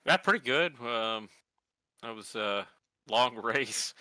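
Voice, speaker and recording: A worn-out man interviewed after a race as the driver, laid-back and halting. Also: medium pitch, lively intonation, pushed and bright, no echo.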